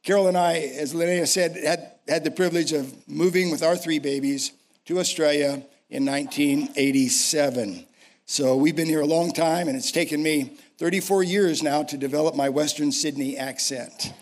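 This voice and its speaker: A man's voice: on the high side, moderate pace. A man in his sixties with an American accent preaching a sermon, emphatic and repeating phrases for effect. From United States. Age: 60s. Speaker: senior pastor, guest preacher. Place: speaking to a church congregation.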